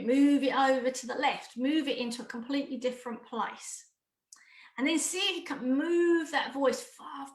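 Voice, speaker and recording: A woman gives an online coaching lesson in a high, bright voice. She is direct and emphatic and drives her points home by repeating them. The sound is roomy and echoey. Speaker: mindful eating coach. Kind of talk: online course talk.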